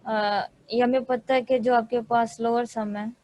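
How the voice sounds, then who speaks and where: Female math lecturer, measured and monotone, works through proofs aloud. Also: on the high side, a little hiss or hum, poor audio. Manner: slow, methodical, thinks aloud while writing.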